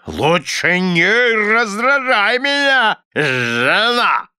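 Storybook bully husband, booming and bright, voiced by a male reader. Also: big pitch swings, clean tone, dry recording, clean studio sound, heavily acted. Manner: loud, slow, booming commands. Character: blustering bullying middle-aged husband.

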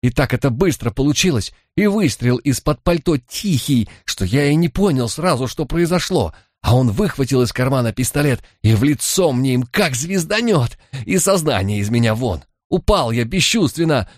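A man voicing a panicky, self-pitying male detective who talks in a shrill, defensive way. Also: expressive, moderate pace, few pauses, no room sound, studio quality, natural voice. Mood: excited, indignant. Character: panicky, whining middle-aged male detective.

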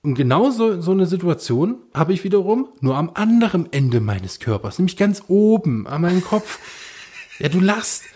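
A man's voice: high voice, normal speed, husky. Rambling man telling a story. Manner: animated storytelling, many fillers and restarts. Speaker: podcast co-host. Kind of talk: casual chat.

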